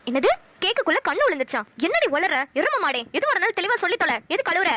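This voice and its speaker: A woman voicing an impatient, sharp-tongued middle-aged mother in a cartoon who nags and scolds. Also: extremely high pitch, racing, slight background noise. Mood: scolding. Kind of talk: Tamil cartoon voice acting.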